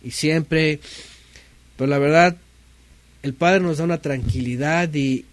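A man's voice: a little high, takes it slowly. A man with a Mexican accent preaching a sermon in a conversational way, often asking rhetorical questions and mimicking people's complaints.

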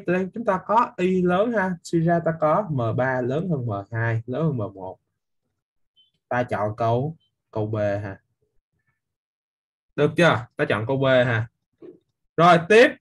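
A man's voice: mid-range voice, lively intonation, unhurried, long pauses, fairly bright tone. A young man, teaching physics in a live online class, quizzing students by name and teasing them.

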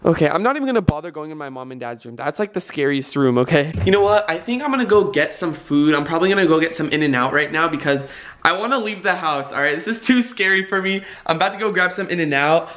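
A man in his twenties vlogs casually and a bit nervously into a handheld camera held at arm's length, using slang and half talking to himself. His voice leans high and fairly bright, and he talks fast and expressively.

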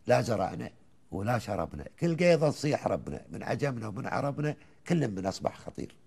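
A man with a Kuwaiti accent, a guest on a TV talk show, reciting colloquial poems in a lively, rhythmic way between bits of chat. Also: medium pitch, fast talker, creaky, husky. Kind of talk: reciting colloquial poetry in conversation.

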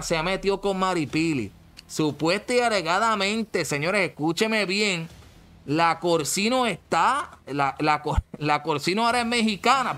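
A man's voice: sits high, sharp tone. Emphatic Puerto Rican male gossip host. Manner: emphatic, repeats "señores", bossing producer. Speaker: show host. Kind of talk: animated gossip show commentary.

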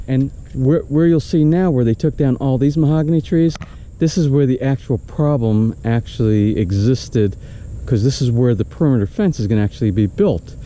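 Older guy rambling to his action cam outside, super mellow dark voice, kinda muffled audio. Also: medium pitch, a little hiss or hum. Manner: rambling, restarts often, points things out. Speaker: vlogger. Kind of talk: casual walk-and-talk vlog. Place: outdoors on a tropical roadside lot. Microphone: action camera held at arm's length.

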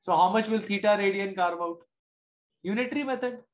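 A man's voice: sits high, brisk. Casting: male maths teacher, middle-aged, Indian accent, informal live online class, frequent short check-in questions. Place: indoors at a desk, screen-share video class.

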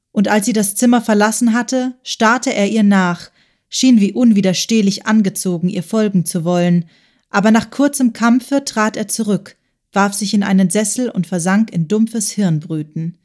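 A woman reads a classic novel aloud as an audiobook narrator. Her pitch sits at a typical middle level for a woman. The reading is measured and expressive. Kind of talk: scripted literary narration.

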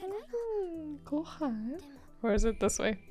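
A young woman hosting an anime reaction, gushing with excitable, giggly comments and gasps. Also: sits high, slow pace, soft background music.

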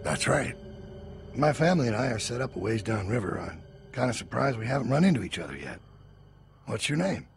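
A gravelly middle-aged villain who swings his voice widely as he fakes friendliness. Every polite question is a probe, and each line carries a quiet threat. Game music plays clearly behind him. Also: mid-range voice, sing-song, brisk. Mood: falsely friendly. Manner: smooth, probing and falsely polite. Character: menacing middle-aged man posing as a friendly neighbor. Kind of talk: video game voice acting.

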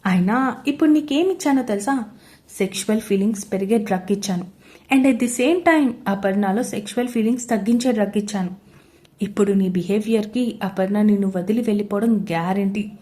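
A woman's voice: mid-range voice, brisk, mellow, natural voice. A woman voicing a jealous, scheming young woman who talks haughtily and spitefully.

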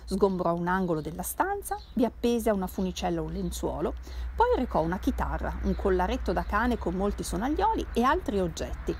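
A woman reading a classic novel aloud in an expressive, measured way. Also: medium pitch, a little hiss or hum. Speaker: reader.

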